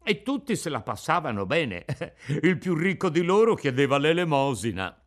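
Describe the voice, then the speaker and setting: A man's voice: on the high side, very animated, normal speed. A man voicing an old male woodcarver who mutters, grumbles and reproaches, in a storybook reading with faint music behind. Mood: musing.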